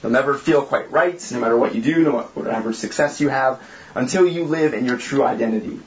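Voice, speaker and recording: Medium in pitch and fast, a young man preaches informally to his church group, candidly mocking himself and acting out quoted voices. The sound is dull and lo-fi, coming from an echoey room.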